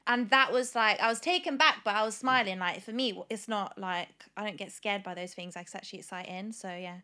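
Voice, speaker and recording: A woman's voice: mid-range voice, fairly quick, bright, forceful tone. A woman in her twenties with a Leicester accent from the English Midlands, touched by London, talking casually as an interview guest. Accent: Leicester accent, English Midlands, with some London influence. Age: 20s. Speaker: guest, singer.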